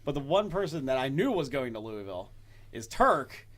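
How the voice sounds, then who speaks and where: In a sing-song, mid-range voice at normal speed, a man hosts a relaxed podcast. He fills the casual chat with stories and frequent laughter.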